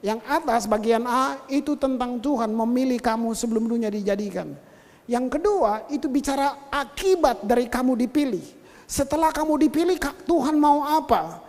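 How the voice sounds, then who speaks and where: A male pastor preaching a sermon, telling stories in an animated way and addressing his listeners directly. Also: extremely high pitch, moderate pace. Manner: animated storytelling, addresses listeners as brothers and sisters. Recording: long hall reverb.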